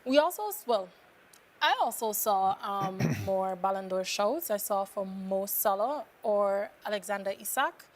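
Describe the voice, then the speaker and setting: A woman co-hosting a live football stream, reading out viewer comments in a relaxed, giggly way. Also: medium pitch, unhurried, a little hiss or hum. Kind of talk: casual chat on a live sports stream.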